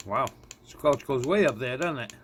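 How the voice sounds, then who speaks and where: During a casual gadget demo, a man acting as product reviewer thinks aloud informally, frequently chuckling. His medium-pitched voice is animated and a bit bright at normal speed, in a clearly noisy indoor recording.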